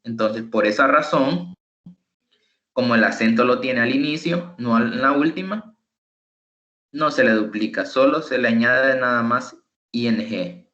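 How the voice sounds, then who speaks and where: A man's voice: medium pitch, a bit bright, dull audio. A man tutoring English over an online call, explaining spelling rules patiently, step by step. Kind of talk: online teaching.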